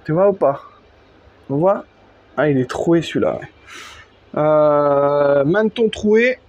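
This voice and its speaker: High-voiced chatty French workshop vlogger. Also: male voice, expressive, takes it slowly, a little mellow, highs cut off. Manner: chatty, many fillers, slangy, talks to the viewer. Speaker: moped tuning vlogger. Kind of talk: casual workshop vlog. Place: outdoors under a gazebo in front of his house.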